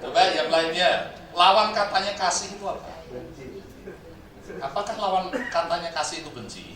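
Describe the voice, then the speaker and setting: A man's voice: sits high, moderate pace, crowd noise. A man preaching a sermon in a church, telling jokes and stories as he addresses the congregation. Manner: animated, joking storyteller addressing the congregation. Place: church service hall. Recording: very echoey hall, distant mic, faint noise.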